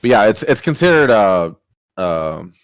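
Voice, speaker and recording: A man's voice: fairly low pitch, sing-song, measured pace, smooth, no room sound. A man casually explaining board game rules, rambling with many fillers.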